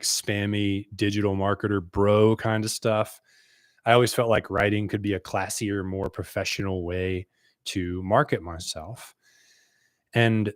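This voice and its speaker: A man's voice: lowish voice, dry recording, clean studio sound. A man in his thirties from the United States, a business coach telling his own story to camera in an earnest, conversational way.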